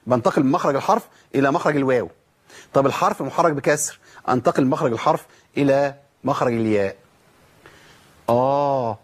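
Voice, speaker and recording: A man with an Egyptian accent teaches the rules of Quran recitation, his voice fairly high and a little husky. He talks quickly, asks his students questions and answers them himself. He repeats sounds over and over to demonstrate them.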